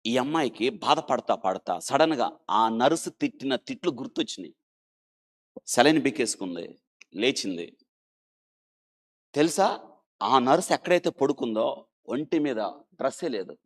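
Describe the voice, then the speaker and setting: A male doctor recounts a story in an interview with lively, rising and falling pitch at a middle register. He swings from loud, emphatic bursts to hushed asides, and keeps urging his listeners to stop and think. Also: measured pace, pauses often. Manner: dramatic, animated storytelling that swings between loud emphasis and quiet.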